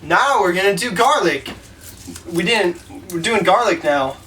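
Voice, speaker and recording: A man's voice: high voice, animated, unhurried, pushed and bright, a little hiss or hum. A young man co-hosting a casual comedy chat, rambling and laughing often. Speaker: co-host. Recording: distant mic with music.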